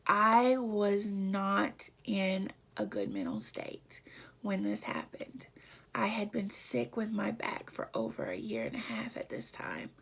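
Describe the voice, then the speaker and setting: Husky, gravelly woman telling a story. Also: medium pitch, huge pitch swings, fairly bright tone. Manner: halting, emotional, often dropping to a near whisper. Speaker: vlogger. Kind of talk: personal storytelling.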